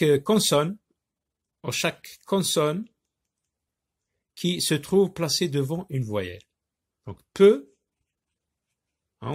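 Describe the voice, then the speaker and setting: A man explaining a reading lesson, halting with many fillers and restarts, sounding out syllables aloud. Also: medium pitch. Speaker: teacher. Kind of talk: recorded lesson for teachers.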